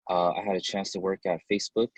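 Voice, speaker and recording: A man who grew up in the United States answers interview questions as a company head. His voice is very low, his delivery loose and chatty with fillers. The sound is dry and close. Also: little pitch movement, fast talker, no echo, rough recording. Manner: conversational, many fillers and restarts. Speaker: company CEO, guest. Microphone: video call.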